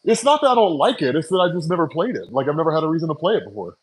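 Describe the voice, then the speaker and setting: His voice sits on the high side, sing-song and rapid-fire, as this forties-aged comics channel host chats with live-stream viewers. He's at home making coffee, wearing wireless earbuds and rambling casually with lots of fillers and laughs.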